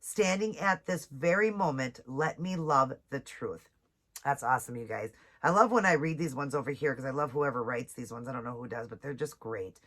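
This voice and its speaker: A woman with a low voice that's congested from a cold, though a bit bright, makes casual conversation and reads devotionals as a nail and devotional vlogger. She's talkative, reads scripture slowly, and apologizes often, recorded close to the camera with a ring light.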